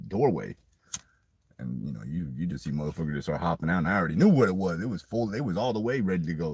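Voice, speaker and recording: Deep husky-voiced man telling a story. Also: no echo. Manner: rambling, profane, animated retelling. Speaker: podcast storyteller. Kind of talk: casual storytelling.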